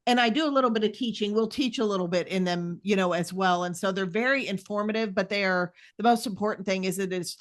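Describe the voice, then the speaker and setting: A woman speaking as a counselor guest in a casual interview. She explains things steadily and plainly. Her voice sits in a middle pitch for a woman. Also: fast talker, few pauses. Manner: steady, explanatory, many soft affirmations.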